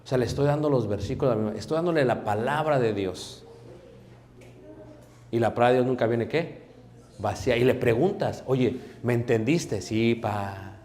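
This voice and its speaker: A man preaching a sermon, swinging between loud emphatic bursts and quiet asides. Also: medium pitch, a little fast, long pauses, a little hiss or hum. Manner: acts out everyday dialogue in other voices.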